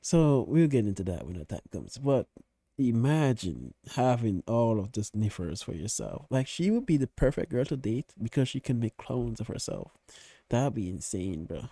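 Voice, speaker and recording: A man's voice: mid-range voice, big pitch swings, normal speed, warm tone, slightly rough, dry recording. A man giving casual reaction commentary in a blunt, opinionated way, swearing freely. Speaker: reaction video host.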